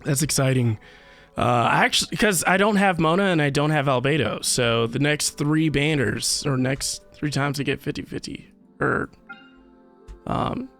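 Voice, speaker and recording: A man livestreams a casual video game session, rambling and thinking aloud to his viewers with game music playing behind him. His voice is fairly high and fairly bright, and he talks at a normal speed.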